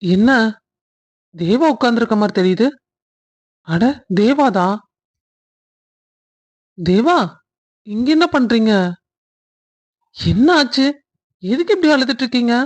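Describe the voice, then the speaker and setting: A woman voicing a kind young man in a cartoon love story who speaks earnestly and reassures gently. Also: a little high, animated, takes it slowly, long pauses.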